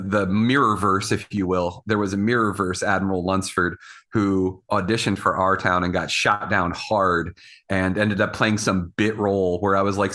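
A man chatting casually as a podcast panelist, in a halting, rambling way. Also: low-pitched, bright, forceful tone. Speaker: podcast panelist and executive producer. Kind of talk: casual conversational chat.

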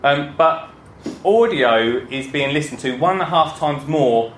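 Essex bloke doing a chatty jokey talk on stage, echoey room, bit of noise behind him. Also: male voice, fairly high pitch, expressive, measured pace, fairly bright tone. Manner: chatty, joking, self-deprecating. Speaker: gardening podcaster and speaker. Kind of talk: informal stage talk to an audience. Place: indoor talk before an audience, roomy space.

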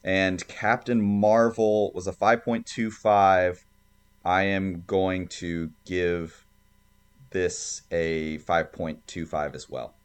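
A man co-hosting a podcast in casual, informal chat, with animated reactions. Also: low voice, slow pace, smooth. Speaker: podcast co-host.

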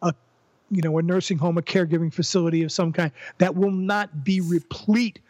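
An older man with a notably high voice speaks as a podcast guest. He reasons aloud, repeating words and restarting as he works toward a point. The sound is dry and close. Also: fairly even intonation, a little mellow, no room sound. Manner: thoughtful, halting restarts, repeats words while building a point. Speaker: podcast guest, psychologist and former professor. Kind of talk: conversational interview.

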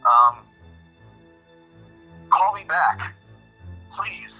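A man's voice: on the high side, sing-song, extremely slow, husky, dull audio, faint music behind, full character voice. Man playing a hesitant, worried family man. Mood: pleading. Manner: hesitant, full of ums and uhs. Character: ordinary man, worried family man losing his memory. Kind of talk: audio drama monologue and voicemails.

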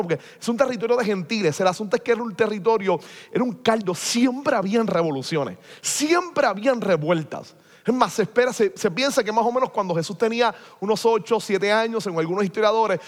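A man teaching a Bible class who keeps asking his listeners questions and then answers them himself. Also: sits high. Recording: long reverb of a large hall.

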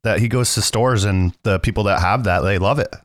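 A man's voice: lowish voice, brisk, no echo, studio quality. A man on a podcast panel, chiming in with casual conversation. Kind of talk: casual chat.

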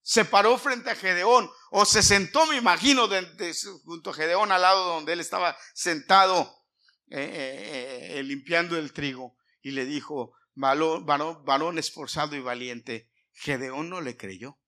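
High, bright-voiced preaching pastor. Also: male voice, unhurried. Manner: preaching with rising emphasis, drops to quiet asides; asks the congregation questions, sings snatches of a hymn. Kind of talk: sermon.

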